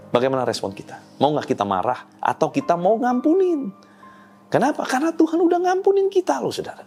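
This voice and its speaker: A man preaching a daily devotional sermon, speaking earnestly and personally to his listeners. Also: a little high. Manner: animated delivery with swelling emphasis. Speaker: pastor.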